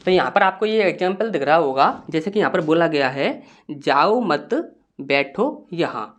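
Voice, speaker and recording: A man's voice: a little high, expressive, a little fast, a bit bright. A man teaching a Hindi grammar lesson, explaining step by step and asking the class rhetorical questions before answering them.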